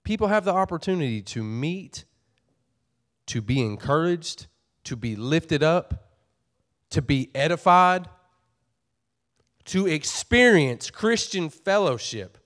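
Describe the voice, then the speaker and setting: A man's voice: fairly high pitch, expressive, slow pace, pauses often, fairly bright tone. A pastor preaching a sermon to his church, earnest and folksy, often repeating and restarting his phrases.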